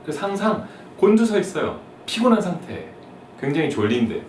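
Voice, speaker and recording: A man's voice: a little high, very animated, a little fast, a little hiss or hum. A young man giving a comic monologue for mothers, playfully acting out whiny sons and nagging moms. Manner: playful, mimics whiny son and nagging mom in sudden jumps. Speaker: comedic explainer for mothers. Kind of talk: comic monologue with acted-out scenes. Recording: roomy, slightly distant mic with faint ambience.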